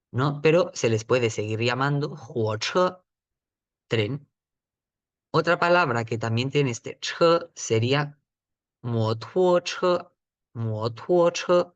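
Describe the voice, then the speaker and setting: A man teaching vocabulary in a patient, explanatory lesson, often checking in with the listener and repeating words slowly at a higher pitch. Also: no room sound, lo-fi sound. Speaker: Chinese teacher.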